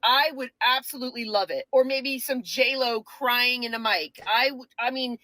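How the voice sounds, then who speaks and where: A woman's voice: on the high side, fairly even intonation, moderate pace, pushed and bright, dry recording. A woman ranting straight to camera in a mocking, sarcastic tone, dragging out words for emphasis. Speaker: social media commentator. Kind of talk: direct-to-camera rant.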